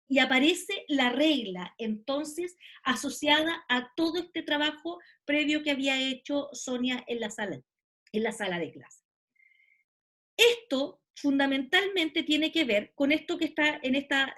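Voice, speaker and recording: A woman's voice: sits high, fairly bright tone. A middle-aged woman giving a recorded online lecture, explaining step by step and often checking with her listeners. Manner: explanatory, with frequent checking tags. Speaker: university lecturer.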